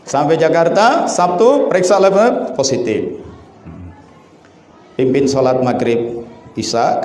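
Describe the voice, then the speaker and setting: A middle-aged man preaching a sermon, telling a personal story and swinging between hushed and excited delivery. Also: mid-range voice, slight background noise. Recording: echoey room with faint ambience.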